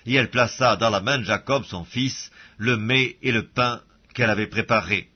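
A man giving a measured, scripted reading of scripture on a dull recording. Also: medium pitch, breathy edge. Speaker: Bible reader.

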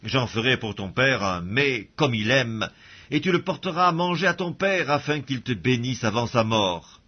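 Male reader voicing a commanding, scheming mother; husky tone, dull recording. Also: mid-range voice, lively intonation, moderate pace. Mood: urgent. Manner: earnest, commanding reading.

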